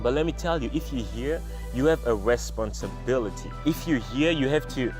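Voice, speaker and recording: A man's voice: mid-range voice, animated, normal speed. Earnest motivational man over music. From Congo. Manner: earnest, emphatic, repeats phrases for effect. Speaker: motivational vlogger. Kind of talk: motivational monologue to camera. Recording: music playing underneath.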